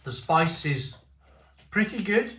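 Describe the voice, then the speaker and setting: A man with a bright, forward voice of middling pitch talks as a casual reviewer, often circling back over his own phrases. The room is echoey, with faint noise behind him. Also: sing-song. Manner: halting, repeats phrases. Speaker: food and beer reviewer. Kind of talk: casual unscripted video review. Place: home conservatory. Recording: roomy echo, faint background noise.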